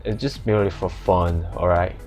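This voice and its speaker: A man's voice: low-pitched, fairly even intonation, normal speed, a little mellow, soft background music. A man, an English speaker, giving a casual explanatory lesson as a video host.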